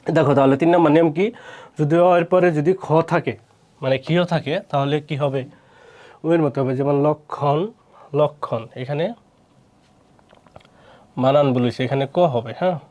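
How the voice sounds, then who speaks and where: A man's voice: a little high, moderate pace, long pauses, darkish tone. Man teaching, quizzing his class. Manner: repetitive, asks and answers his own questions. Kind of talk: spoken lesson on pronunciation rules.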